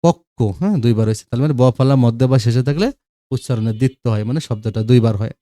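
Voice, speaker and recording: A man from Bangladesh teaches a grammar lesson, explaining, repeating examples and adding asides to check that students follow. His mid-range voice is dark-toned and fast, captured as clean studio sound with no room noise.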